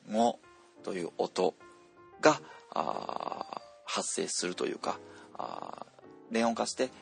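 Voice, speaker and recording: A man teaching pronunciation, explaining slowly with many drawn-out fillers and repeating example words aloud. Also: fairly low pitch, creaky. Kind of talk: explanatory lesson, casual spoken.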